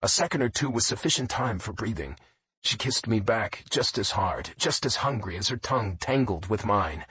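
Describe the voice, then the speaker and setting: A man narrating a romance audiobook in a low, intimate first-person reading. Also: animated, moderate pace, bright, forceful tone, a little hiss or hum.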